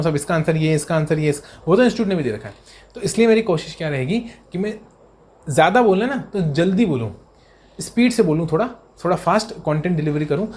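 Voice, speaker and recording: A man teaching an exam-prep tax lecture in a brisk, chatty way, mixing Hindi with English terms and reading legal text slowly. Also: on the high side, a little mellow.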